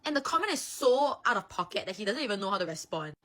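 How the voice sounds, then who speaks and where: A woman's voice: medium pitch, very animated, fast, a bit bright. A woman telling playful fan stories in a chatty, casual way, switching into character voices. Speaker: anime fan video host. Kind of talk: casual storytelling commentary.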